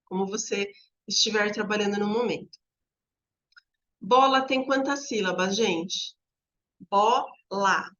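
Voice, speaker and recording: A woman gives an explanatory lesson to teachers at a mid-range pitch, stopping to stretch out each example word as she checks that viewers follow. The sound is a little dull and lo-fi. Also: a bit bright. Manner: talks viewers through examples, drawing out sample words slowly. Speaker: teacher trainer.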